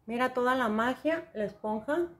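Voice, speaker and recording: Young woman doing a makeup review, chatty and excited, talks right to you, higher voice. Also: moderate pace. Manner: chatty and enthusiastic, addresses the viewer directly. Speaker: beauty vlogger. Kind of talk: makeup review, casual chat to the viewer.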